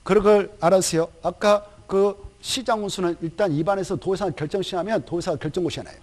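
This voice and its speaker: A man teaching a recorded exam-prep lecture, chatty and lively, firing questions at his students and answering them himself. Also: high voice. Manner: acts out officials in quick quoted asides.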